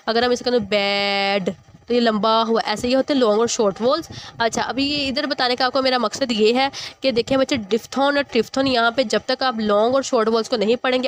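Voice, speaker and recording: A woman English teacher, explaining an exercise word by word and often checking in with "okay". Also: fairly high pitch. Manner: explains English words in Hindi-Urdu, repeats "ठीक है". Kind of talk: exercise walkthrough lesson.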